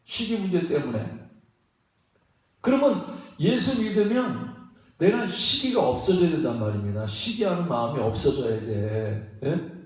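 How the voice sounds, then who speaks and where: A man preaching in a church sanctuary, his fairly high voice swinging up and down with every phrase. He talks in a folksy, repetitive way, chuckles between lines and keeps prodding the congregation for a reply. The sound comes from a distance, with heavy echo off the hall. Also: sing-song, measured pace. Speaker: pastor. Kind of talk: sermon. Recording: very echoey hall, mic at a distance.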